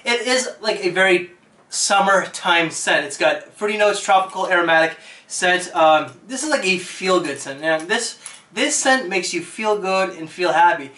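A man's voice: sits high, expressive, normal speed, sharp tone, reverberant. A man casually reviewing fragrances for his channel, chatty and enthusiastic, with frequent fillers.

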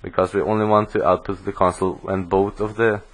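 A man's voice: on the low side, level tone, fairly quick, poor audio. A young man narrating a coding screencast as the instructor, explaining steadily and often restarting words mid-sentence. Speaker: programming instructor.

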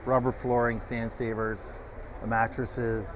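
A man in sales, answering interview questions in a halting way with many fillers, on a lapel mic in an open tent at an outdoor expo. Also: medium pitch, little pitch movement. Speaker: sales guest. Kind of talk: casual trade-show interview. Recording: slightly dull, noisy outdoor expo.

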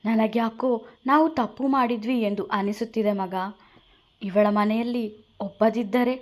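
A woman's voice: on the high side, fairly even intonation, a little slow, lightly acted. A woman voicing an anxious young man who pleads with his upset new bride. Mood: worried.

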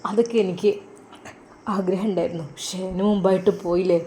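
A woman's voice: on the low side, fairly even intonation, quick pace, warm tone, close to an everyday voice. A woman voicing a grieving, devout young son who speaks earnestly to his mother. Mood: sorrowful. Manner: earnest, pleading, sorrowful.

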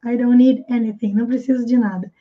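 A Brazilian Portuguese-speaking woman teaching English pronunciation, slowly and carefully repeating English phrases. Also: a little high, steady tone, phone-quality sound. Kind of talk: explaining pronunciation in a video lesson.

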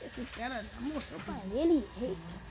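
A man with a Brazilian accent giving excitable, jumpy let's-play commentary to viewers. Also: very high voice, normal speed, noisy background. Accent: Brazilian Portuguese. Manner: excitable, jumpy, talks to viewers while playing. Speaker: gamer. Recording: dull lo-fi recording.

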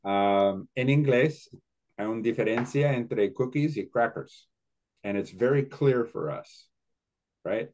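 A man's voice: medium pitch, unhurried, darkish tone. A man hosting an online language class on a video call, explaining patiently and moving between two languages.

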